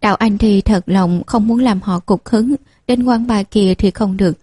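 Woman reading a novel aloud, kinda husky, very dry no room sound. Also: medium pitch, normal speed, dry recording. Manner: steady, even storytelling. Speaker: narrator. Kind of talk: audiobook narration of a novel.

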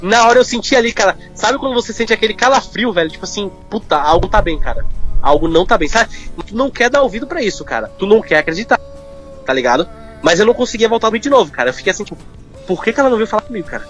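Man, guest, rapid informal talk, light music underneath. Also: high voice, lively intonation, fairly bright tone. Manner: fast, informal, full of fillers like "cara". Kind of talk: candid personal conversation.

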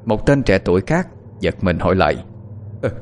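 A man giving a dramatic, expressive narration of a horror story as an audiobook narrator. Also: sits low, brisk, slight background noise.

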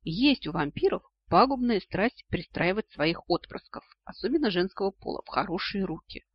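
Male audiobook reader, high husky voice, ironic delivery, dull dry recording. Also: lively intonation, moderate pace, no echo. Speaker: audiobook narrator. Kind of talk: scripted narration of a novel.

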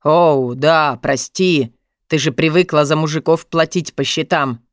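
A woman's voice: deep voice, steady tone, a little slow, no room sound, clean studio sound, pitched below the performer's own voice. A woman voicing a growling domineering man. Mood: harsh. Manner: growling, mocking, pressing. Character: domineering wealthy man, tense and harsh.

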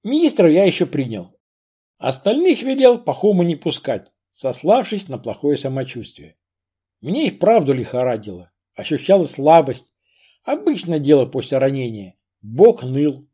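Warm, husky male audiobook narrator. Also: a little high. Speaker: audiobook reader. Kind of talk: first-person audiobook narration.

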